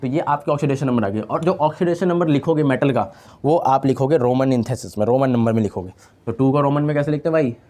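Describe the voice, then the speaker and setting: Young male tutor, mid-pitched, chatty classroom delivery, repeats terms and quizzes himself aloud. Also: quick pace, warm tone. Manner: casual, repeats key terms, asks and answers own questions. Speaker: chemistry teacher. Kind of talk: online lecture.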